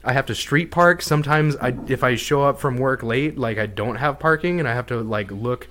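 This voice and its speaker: A man's voice: mid-range voice, normal speed, fairly bright tone, slight background noise. A man chatting as a podcast guest, laid-back, with lots of "like" fillers. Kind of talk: casual chat.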